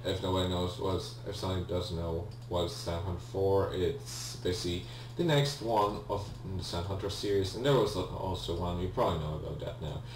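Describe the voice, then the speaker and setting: A young man gives casual, hesitant commentary on his game in a let's play, speaking fairly quickly with hardly any pauses. His voice is low with fairly even intonation, and he has the accent of a native Polish speaker, punctuating his talk with ums, restarts and apologies. The recording is echoey, with a distant mic and faint hum.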